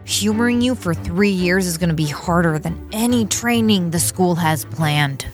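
A woman's voice: on the low side, normal speed, natural voice. Casting: actress playing a cutting, no-nonsense fighter girl, faint music under. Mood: sarcastic. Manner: cutting, sarcastic. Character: sharp-tongued young female warrior, tough.

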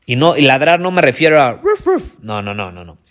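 A man's voice: big pitch swings, fast talker, fairly bright tone. Emphatic man coaching voice. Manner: emphatic, repeats key phrases, swings pitch and volume. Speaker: podcast host and voice coach. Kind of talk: energetic motivational podcast talk.

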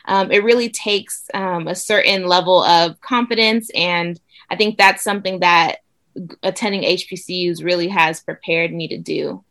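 A woman's voice: lowish voice, steady tone, normal speed, a bit bright. A young adult woman from Nigeria, a doctor guest answering interview questions with upbeat enthusiasm. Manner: enthusiastic, upbeat, frequent fillers.

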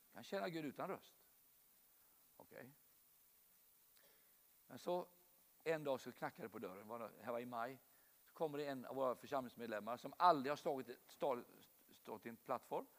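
A man's voice: mid-range voice, lively intonation, long pauses, big-room sound. A man preaching a sermon, telling stories and addressing the congregation directly.

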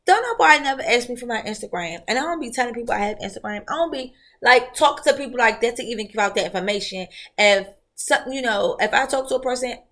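A woman's voice: mid-range voice, vocal fry. A woman podcast host, telling a personal story in a casual monologue and acting out the voices she quotes. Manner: animated, expressive storyteller who acts out quoted voices.

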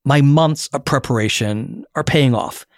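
A middle-aged actor narrating his own story in a measured, reflective way with a wry edge. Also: mid-range voice, no echo, studio quality. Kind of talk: scripted memoir narration.

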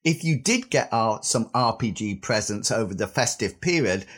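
Lively, slightly husky British man podcasting. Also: fairly low pitch, moderate pace. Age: 50s. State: recovering from a sore throat and cough. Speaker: podcast host. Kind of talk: scripted podcast talk.

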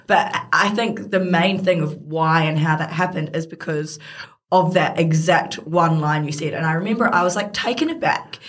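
A young woman hosting a podcast in casual chat, teasing her guest, laughing, and quick to correct his version of events. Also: low-pitched, fairly bright tone. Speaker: podcast host.

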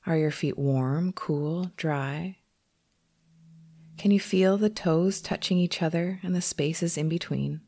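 In a low-pitched voice, a woman teaching meditation guides the session gently and slowly, with long silences between her words.

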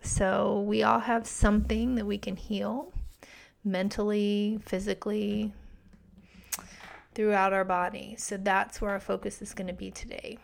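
A woman's voice: medium pitch, level tone, unhurried, creaky. A woman hosting a podcast, introducing it and speaking directly to her listeners. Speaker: podcast host.

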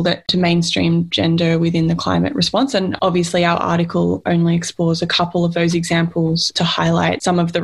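A woman's voice: fairly low pitch, vocal fry. A woman guest author talking in an enthusiastic, emphatic way during a conversational interview.

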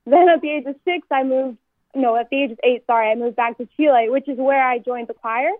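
A young woman in her twenties talks in a chatty, upbeat way, telling her story as a singer guest. Her voice is high and bright in pitch. She comes through a thin, tinny phone line with a dry, close sound. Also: fairly quick, dry recording. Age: 20s. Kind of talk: phone-in radio interview.

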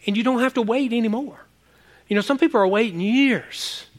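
A man with a high, light voice preaching to his congregation. He talks in a loose, conversational way, repeating words and tossing in quick asides. He speaks from a church. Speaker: pastor. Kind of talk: sermon.

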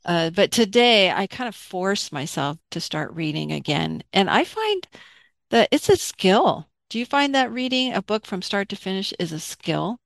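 A woman's voice: medium pitch, very animated, moderate pace, gravelly, dry recording. A middle-aged woman hosting a casual interview, chatting expressively and acting out her own thoughts. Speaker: interviewer, host.

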